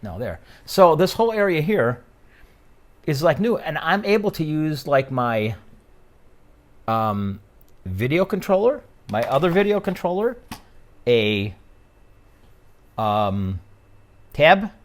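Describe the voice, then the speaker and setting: Middle-aged male podcast host; animated, rambling, laughs a lot. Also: on the high side, takes it slowly, long pauses. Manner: chatty, rambling, laughs often. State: out of breath. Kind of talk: casual chat.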